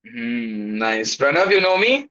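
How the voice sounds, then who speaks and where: A man's voice: mid-range voice, sing-song, takes it slowly, bright, forceful tone. A man with an Indian accent teaching a live online class, greeting schoolchildren by name in an upbeat, encouraging, casual way. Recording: dull, lo-fi online class audio.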